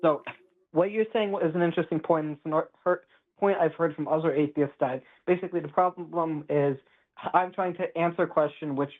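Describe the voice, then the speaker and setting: A man calling in on his cell phone on speaker, held away from him so he sounds distant and choppy, arguing in a halting, insistent way. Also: fairly high pitch, fairly even intonation. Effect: phone on speaker, held away from the mouth, choppy line. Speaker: caller. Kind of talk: call-in debate. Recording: tinny, choppy speakerphone line.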